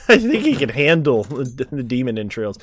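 During a casual let's-play, a very animated man with a mid-range voice speaks a little slowly as he jokingly reads out and laughs at the game's dialogue. He also owns up to not knowing how to pronounce the names.

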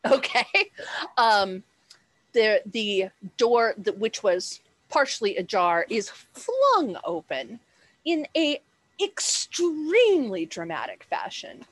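A woman's voice: on the high side, big pitch swings, takes it slowly, no room sound, poor audio. A woman game master narrating a tabletop game over a headset on a video call.

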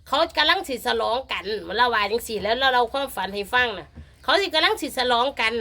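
Brief: middle-aged Phu Thai Isan woman, high bright voice, loud and teasing, laughs through her chat. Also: expressive, fast talker. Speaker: vlogger challenging a lottery rival. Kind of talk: casual chat to viewers.

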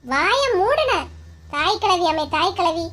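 A woman voicing quarrelsome village women in an animated comedy, speaking with a Kanyakumari Tamil accent in an indignant, bickering manner. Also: extremely high pitch, measured pace, heavily acted. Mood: angry.

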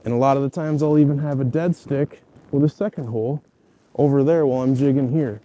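A man's voice: medium pitch, steady tone, a little fast, warm tone, lo-fi sound. A man in his thirties, outdoors on a frozen lake, chatty and enthusiastic as he shows off his gear, laughing between words. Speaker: ice-fishing video host. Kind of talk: casual gear walkthrough.

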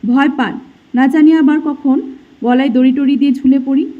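High-voiced woman narrating a sad story. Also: fairly even intonation, moderate pace, narrow, tinny audio. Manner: soft, emotional first-person telling with voiced quotes. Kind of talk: scripted emotional story narration.

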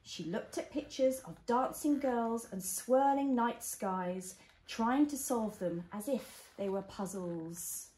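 A woman's voice: a little high, slow, mellow. A woman, a mother, reading a storybook aloud to a toddler expressively, with simple explanations and little questions. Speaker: mother reading a picture book to a child. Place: indoors, small living room at home. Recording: roomy echo of a home room.

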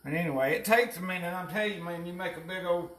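A man's voice: high voice, fast talker, a bit bright. An older man with a Southern US accent, chatting casually and telling folksy, rambling stories while cooking in a home kitchen, picked up by a camera a few feet away. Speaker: cooking show co-host.

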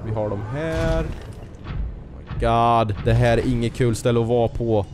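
Against background noise, a man with a mid-range voice hosts a let's play video. He's jittery and easily startled, blurting out nervous exclamations while joking, muttering to himself, and addressing the creatures in the game.

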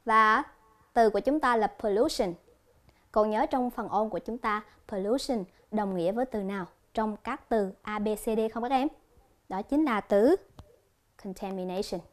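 A female English teacher gives a televised lesson in a TV studio, speaking clearly and deliberately at a medium pitch and slowly repeating each example word.

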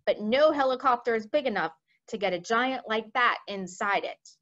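A woman's voice: on the high side, moderate pace, fairly bright tone, muffled recording, natural voice. A woman voicing a proud, easily puzzled male air force chief from a children's storybook, questioning testily. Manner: testy questioning.

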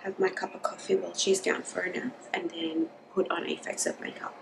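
A young woman chatting casually to camera about her home routine, softly spoken and sometimes whispering. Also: lowish voice, flat delivery, brisk, vocal fry, very noisy. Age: young adult. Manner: chatty, softly spoken, drops to a whisper while the baby naps. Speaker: vlogger. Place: small home kitchen and bedroom indoors. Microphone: camera at arm's length or on a counter.

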